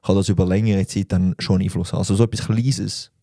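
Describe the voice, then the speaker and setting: A man with a Swiss German accent, co-hosting a podcast, explaining quickly and tossing in jokes. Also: low voice, little pitch movement, vocal fry, warm tone, no echo, studio quality. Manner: quick, joking asides. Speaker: podcast co-host. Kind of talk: casual chat.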